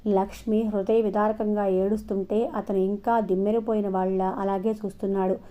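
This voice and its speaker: A woman narrating a novel in a steady, expressive storytelling voice. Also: mid-range voice, fairly quick. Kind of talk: novel reading. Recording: dull lo-fi recording.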